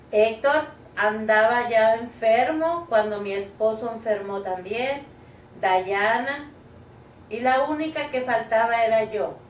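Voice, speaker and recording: A middle-aged woman tells her church a personal testimony in an earnest, tearful manner, calling her listeners brothers and sisters. Her voice sits high and she speaks slowly. She was recorded from a distance at home, so the sound is roomy and carries a faint background noise. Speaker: church member giving testimony. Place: living room at home.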